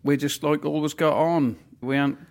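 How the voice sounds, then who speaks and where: A man's voice: a little high, fairly even intonation, moderate pace, a little mellow. Man with a pronounced Norfolk accent. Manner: plain-spoken, regional dialect grammar. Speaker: interview guest, family farm worker. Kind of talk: casual interview chat.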